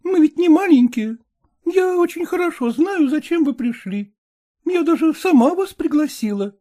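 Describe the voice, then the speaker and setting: A man doing a frank young woman who coaxes and insists, her mellow voice swinging up and down. She talks briskly and plainly, pressing her point in a storybook reading. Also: very high-pitched, animated, voice pushed up. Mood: coaxing. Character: lively, frank young woman setting terms.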